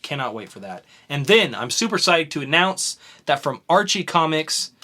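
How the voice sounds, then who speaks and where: With a sing-song, sharp voice on the high side, this comics podcast co-host cheerfully chats his way through a rundown of upcoming releases. He keeps a moderate pace.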